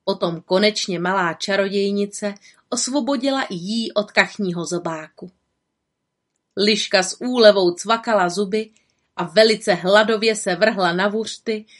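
Calm woman reading a storybook. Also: medium pitch. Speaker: narrator. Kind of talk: storybook narration.

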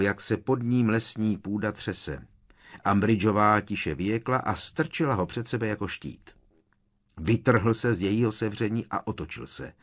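Guy reading an audiobook, lowish voice, really lively and dramatic. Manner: dramatic, expressive. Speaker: audiobook narrator. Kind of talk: scripted audiobook narration.

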